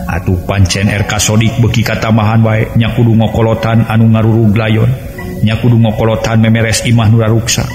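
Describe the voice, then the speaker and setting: A man with a Sundanese-region West Javanese accent from Indonesia narrates a serial folk tale in a dramatic storytelling style, his voice on the low side, monotone and brisk. The recording has a roomy echo with music underneath.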